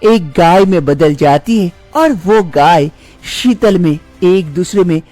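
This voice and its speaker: A woman telling a storybook tale as scripted narration, in a steady, plain narrating tone. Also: lowish voice, takes it slowly, no echo, faint music behind.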